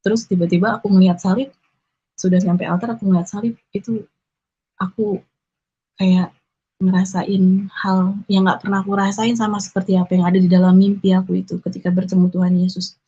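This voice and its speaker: Woman, 20s; emotional first-person testimony, breathy tone, dull recording. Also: medium pitch, flat delivery, a little fast, dark tone. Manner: earnest, emotional retelling with quoted dialogue. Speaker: convert giving testimony. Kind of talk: personal testimony, casual storytelling.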